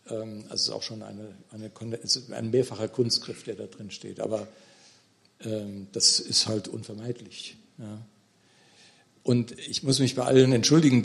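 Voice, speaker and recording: A man's voice: on the low side, vocal fry, a bit bright. A middle-aged man talking about his book in a lecture hall, hesitant, with many fillers and restarts. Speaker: author at a book talk. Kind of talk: thoughtful academic talk.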